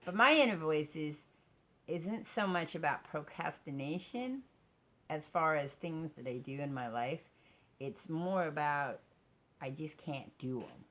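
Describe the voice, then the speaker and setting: An American vlogger and crafter sits at an indoor craft table, chatting casually in a rambling, self-deprecating way. Her voice is low-pitched yet fairly bright, with lively intonation and an unhurried pace. The home recording is noisy.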